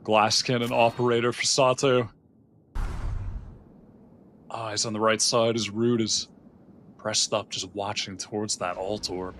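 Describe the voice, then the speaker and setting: A man's voice: on the low side, level tone, unhurried, pauses often, a bit bright, slight background noise. A man doing esports color commentary, breathless and stammering, laughing in disbelief at the plays. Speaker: esports caster.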